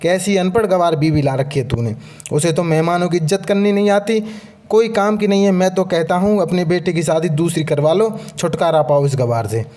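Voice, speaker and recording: A man's voice: high-pitched, moderate pace, warm tone, close to an everyday voice. A man voicing a rude drunken party guest. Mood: mocking. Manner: insulting, mocking.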